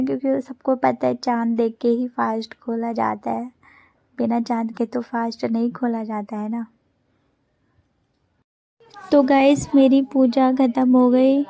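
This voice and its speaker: A woman's voice: fairly high pitch, vocal fry, warm tone. A woman in her twenties narrating her vlog in a chatty voice-over, telling a loose story with many restarts. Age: 20s. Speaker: vlogger.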